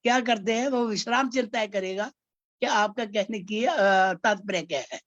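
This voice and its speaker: A woman's voice: fairly high pitch, moderate pace, dry recording, lo-fi sound. A woman teaching poetry, patiently explaining each point and acting out spoken examples. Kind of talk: explaining Hindi poetics.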